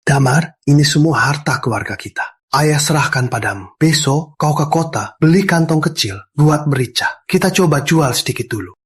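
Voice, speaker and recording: A woman's voice: sits low, expressive, moderate pace, hardly any pauses, breathy edge, full character voice. A woman voicing a father who earnestly pleads for his children's trust, in a dubbed short drama.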